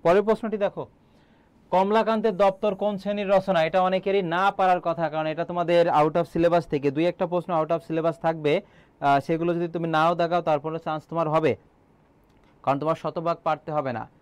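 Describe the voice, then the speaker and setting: A man's voice: a little high, steady tone, brisk, clear, resonant tone, dry recording. Bengali man teaching a quiz class. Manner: quizzes students, repeats answers, frequent "ah" fillers. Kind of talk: online exam-prep class.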